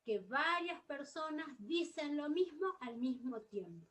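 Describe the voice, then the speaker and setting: A woman gives a recorded class lesson, her voice sitting somewhat high. She explains step by step in a patient way and keeps checking that her listeners follow along. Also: very animated, measured pace, fairly bright tone, poor audio. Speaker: teacher.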